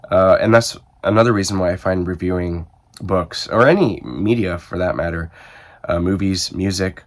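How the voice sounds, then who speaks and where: A man with a cold, his voice rough and stuffed up, chatting casually to camera about reading and rambling as he thinks aloud with many restarts. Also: deep voice, moderate pace. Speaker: book video host.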